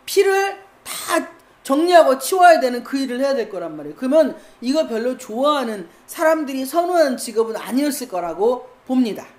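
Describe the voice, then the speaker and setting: High-voiced woman preaching animatedly. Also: a little fast. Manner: animated storytelling, acts out scenes. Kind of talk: sermon.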